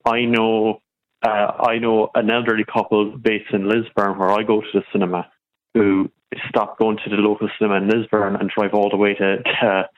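Male phone-in caller, west of Ireland Kerry accent, lower-pitched, halting opinion talk, muffled lo-fi sound. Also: level tone. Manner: hesitant, stumbling with repeated words. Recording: dull lo-fi phone-in line.

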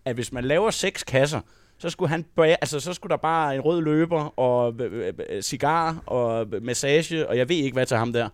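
A man's voice: medium pitch, smooth, no echo. A man co-hosting a casual football chat podcast, joking and often laughing. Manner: jokey, laughs often, animated. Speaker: podcast co-host.

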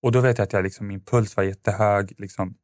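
Low-voiced guy rambling through a story on a podcast, lots of fillers, dry sound. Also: fairly even intonation, darkish tone, no echo. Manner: rambling, many fillers and restarts. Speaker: podcast guest. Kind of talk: casual storytelling.

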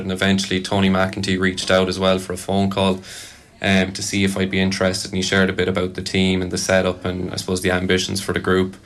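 Young male Irish athlete, soft neutral accent, deep monotone, hesitant and measured in interview. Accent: soft, fairly neutral Irish. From Kerry, Ireland. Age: young adult. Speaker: Gaelic football player being interviewed. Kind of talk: casual interview answers.

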